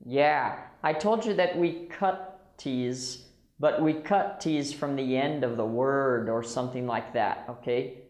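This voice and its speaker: A man teaching English pronunciation, slowly repeating single words and patiently explaining the sounds. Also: mid-range voice, darkish tone, roomy sound. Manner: slow, patient, models words in isolation. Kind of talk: pronunciation drill lesson.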